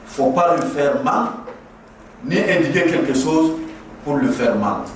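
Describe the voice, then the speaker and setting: A middle-aged man from Burkina Faso, a guest speaker at a mosque inauguration, gives an impassioned ceremonial speech, preaching and driving points home with rhetorical repetition. His slightly high voice has lively intonation and an unhurried pace. In the large prayer hall, the recording is very echoey, the voice far from the mic, with slight background noise.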